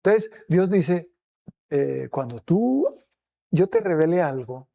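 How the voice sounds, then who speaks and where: A man's voice: a little high, animated, takes it slowly, vocal fry, warm tone. A male pastor preaching a sermon, asking his listeners rhetorical questions. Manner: asks the congregation rhetorical questions; acts out quoted speech in changed voices.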